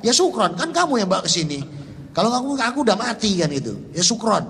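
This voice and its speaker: A man's voice: high-pitched, very animated, fast talker, fairly bright tone, in a large hall, voice pushed up, heavily acted. A man voicing his stubborn, childish old father who refuses in a sulky tone.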